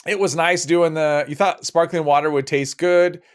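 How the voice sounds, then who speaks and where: A man's voice: on the high side, steady tone, normal speed, clear, resonant tone, soft background music. A man hosting a livestream, casually thinking aloud as he plays and rambling off into conversational asides. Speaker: livestream host.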